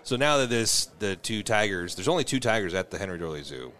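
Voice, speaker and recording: A man's voice: on the low side, very animated, fast, bright, forceful tone. A man co-hosting a podcast from a bar, telling loose, jokey stories and swearing freely. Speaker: podcast co-host. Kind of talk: casual bar chat.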